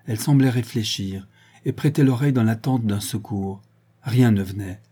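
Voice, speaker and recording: Male novel narrator, measured literary delivery, low warm husky voice. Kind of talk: audiobook narration.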